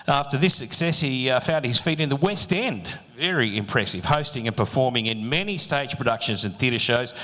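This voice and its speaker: A man's voice: mid-range voice, moderate pace, hardly any pauses, sharp tone. Joking man, MC in echoey hall. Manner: jokey asides to the audience. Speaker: event MC. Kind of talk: live stage introductions. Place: live event venue.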